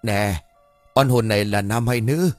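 A man's voice: fairly low pitch, no room sound, soft background music, close to an everyday voice. A man voicing an irritable old male shaman who stutters and stumbles over his words. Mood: stern. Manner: halting, loud, quick to flare up.

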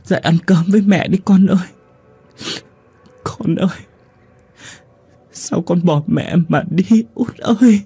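A man's voice: slow pace, pauses often, mellow, breathy edge, soft background music, heavily acted. A man voicing a poor, grieving middle-aged mother who wails while crying. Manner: wailing, high, drawn out.

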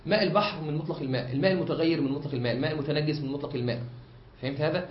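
High-voiced Egyptian sheikh teaching. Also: male voice, slight background noise. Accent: Egyptian Arabic. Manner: explains step by step and keeps checking students follow; frequent drawn-out hesitation fillers. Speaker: sheikh teaching a study circle. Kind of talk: classroom lesson. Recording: echoey room, dull lo-fi sound.

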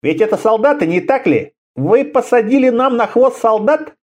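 Man doing a sneering bandit tracker, high and nasty. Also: lively intonation, normal speed. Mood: accusing. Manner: sneering, quarrelsome. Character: suspicious grumbling male bandit tracker.

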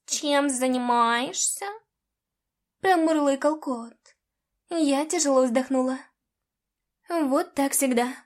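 A woman narrating a first-person fantasy audiobook in a calm, measured way. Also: sits high.

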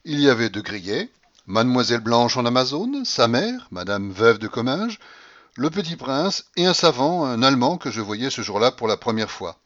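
A man narrating a classic novel as an audiobook, in a measured, expressive reading. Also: mid-range voice, dull audio. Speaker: audiobook reader.

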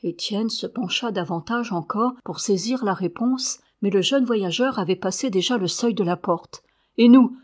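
A woman reading a nineteenth-century novel aloud as scripted narration, steady in the telling and lifting her voice for quoted speech. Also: medium pitch, moderate pace, hardly any pauses. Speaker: audiobook reader.

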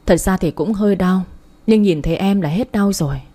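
Woman reading as a soft-spoken, gentle young man in a romance audiobook; mellow tone. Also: mid-range voice, fairly quick, husky, natural voice. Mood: tender. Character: tender young man returning to his lover.

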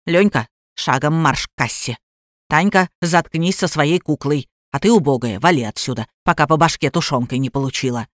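A crude, heavyset grandmother with a voice pushed down low and rough, barking orders and insults, as a woman reader puts her on. She is bossy and loud, with no patience for anyone. A dry, close storybook reading. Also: moderate pace, dry recording, lightly acted. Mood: shouting. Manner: coarse, bossy, yelling.

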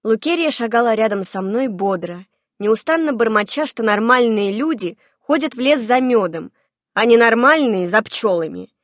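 A woman reading a first-person fantasy novel aloud in a lively, expressive narration. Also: fairly high pitch, normal speed, no echo, studio quality. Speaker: audiobook narrator.

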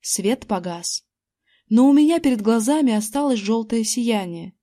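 A woman narrating a children's book aloud in the first person, expressive and lively. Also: fairly high pitch, normal speed. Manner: expressive, acting out a boy's first-person story. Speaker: audiobook narrator. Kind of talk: scripted narration.

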